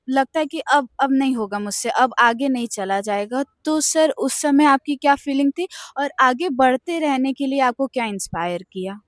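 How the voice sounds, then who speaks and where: A woman's voice: high-pitched, no room sound, clean studio sound. A young woman interviewing a business owner, asking polite, deferential questions. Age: young adult. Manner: polite, deferential, addressing him as sir.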